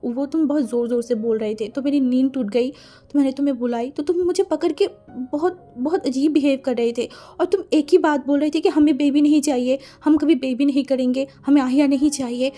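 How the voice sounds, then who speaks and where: A frightened young husband who stammers and pleads in a high, loud voice, as a woman storyteller puts him on. The tone stays mellow, with soft music underneath. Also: fairly quick, natural voice. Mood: anxious. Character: anxious young man, worried husband.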